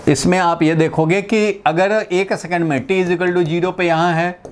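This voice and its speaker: A man's voice: high-pitched, fairly even intonation, a little slow, slight background noise. A man from India giving a physics lesson, explaining step by step, repeating key phrases and checking in with his students. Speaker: physics teacher. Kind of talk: classroom lecture.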